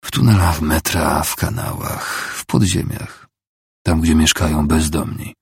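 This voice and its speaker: A man's voice: very deep voice, measured pace, vocal fry, husky, no room sound, full character voice. A man reading the part of a broken, grieving father living on the streets, bitter and stubborn.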